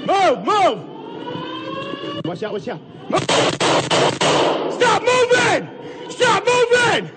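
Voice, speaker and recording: Male officer, very high strained voice, police radio and body cam sound buried in loud noise. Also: wildly swooping pitch, extremely slow, long pauses. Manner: shouting terse tactical commands. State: tense, urgent. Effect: police body cam and radio audio, distant and noisy. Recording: noisy distant body cam audio.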